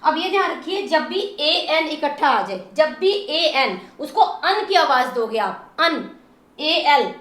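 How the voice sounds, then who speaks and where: A woman teaching English phonics, stretching sounds slowly and spelling words letter by letter. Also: sits high, big pitch swings, a bit bright, reverberant. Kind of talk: phonics lesson.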